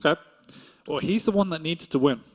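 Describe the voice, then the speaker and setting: A man's voice: fairly high pitch, brisk, low-quality recording. A man casting an esports match, analytical and chatty, laughing easily with his co-caster. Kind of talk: esports commentary.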